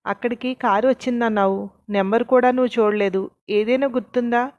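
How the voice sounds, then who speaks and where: A woman's voice: a little high, fairly even intonation, a little fast, a little mellow, no room sound, highs cut off, lightly acted. A woman doing a firm questioning policewoman. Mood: probing. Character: sharp, probing woman police officer.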